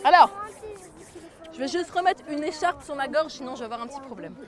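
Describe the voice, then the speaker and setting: A woman with a very high voice tells a folk tale to a group of children. She draws them in, asking them to join the actions. A light crowd murmurs in the open air behind her. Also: a little fast. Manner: lively, gets the audience to join in. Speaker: storyteller.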